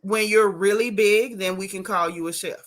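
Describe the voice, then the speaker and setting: A woman hosting a casual gossip chat, sassy and playful with loud joking. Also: mid-range voice, fairly even intonation, normal speed. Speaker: podcast host.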